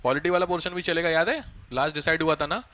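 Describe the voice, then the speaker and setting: A man teaching a class, his high voice carrying a bright, forceful edge. He keeps firing quick questions at his students and answering them himself. The sound is dry and close, with no room echo. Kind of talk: classroom lecture.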